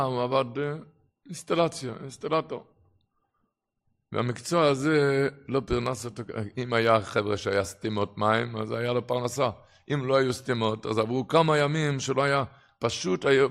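A man preaching a religious sermon and telling stories, impassioned, with his voice swelling and dropping for emphasis. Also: mid-range voice. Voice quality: gravelly.

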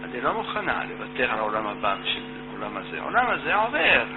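A man voicing a poor scholar's righteous wife who scolds in loud, accusing questions, in a storytelling lesson. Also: mid-range voice, wildly swooping pitch, over music, voice pushed down. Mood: firm. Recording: tinny phone-like line with mains hum.

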